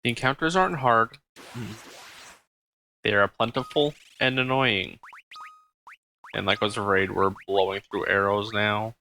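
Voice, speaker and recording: Bright-voiced man commenting on gameplay. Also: fairly low pitch, a little slow, pauses often, a little hiss or hum. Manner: thinks aloud with frequent ums and uhs. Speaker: let's play host.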